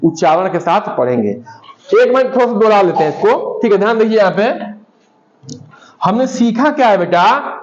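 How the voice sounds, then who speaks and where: A man teaching young children in a classroom, with a high voice that swoops up and down as he asks questions and repeats each word slowly for his pupils. The recording sounds muffled and lo-fi. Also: expressive. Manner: patient, asks pupils questions and repeats words to drill pronunciation. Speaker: primary school teacher. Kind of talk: classroom Hindi lesson.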